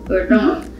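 A woman's voice: sits high, reverberant. A woman host in a casual chat, laughing and talking with her mouth full while eating.

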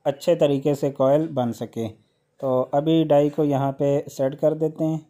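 A man hosting a how-to video, explaining a workshop machine step by step with occasional hesitant "uh" pauses. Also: a little high, fairly even intonation, mellow. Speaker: electrician channel host.

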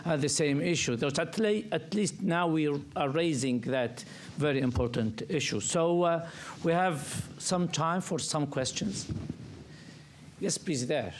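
A man chairing a panel discussion at a conference table, speaking haltingly with many restarts. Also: a little high, slight background noise. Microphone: table microphone.

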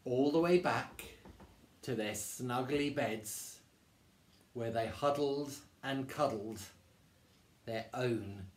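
A man reading a children's story aloud in a gentle, storytelling manner, in an echoey room. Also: medium pitch, takes it slowly, long pauses.

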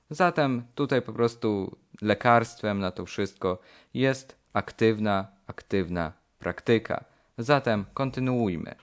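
A man teaching English, slowly repeating short phrases in a lesson. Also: fairly low pitch. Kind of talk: slow language lesson drills.

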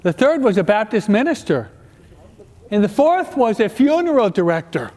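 A high, sing-song, slightly mellow male voice at normal speed belongs to a priest giving a parish talk. He mixes teaching with jokes and often checks in by questioning his listeners, while the large church adds a long, echoey reverb.

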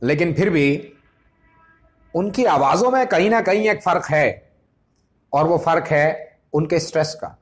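A man's voice: on the high side, animated. Man teaching English pronunciation. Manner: slows down and stretches words when explaining English terms. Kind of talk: explanatory lesson.

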